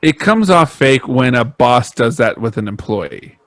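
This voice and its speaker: A man's voice: mid-range voice, sing-song, a little slow, fairly bright tone, no room sound. A young man co-hosting a podcast, ranting dramatically and swearing in casual chat. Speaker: podcast co-host.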